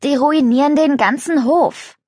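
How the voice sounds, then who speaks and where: A woman's voice: high voice, a little slow, darkish tone, no room sound, studio quality, voice pushed up. A woman voicing a proud, plainspoken old grandfather who runs a farm, in a children's storybook reading. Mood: earnest. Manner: gruff, plainspoken. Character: kindly old grandfather farmer, stubborn and proud.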